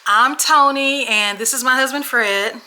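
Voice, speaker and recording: A woman's voice: sits high, measured pace, pushed and bright, rough recording. A woman from Washington State co-hosting a casual chat, telling a personal story and checking in with her listeners as she goes. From Washington State, USA. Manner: chatty storyteller, often checks in with "okay?" and "y'all". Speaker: podcast co-host.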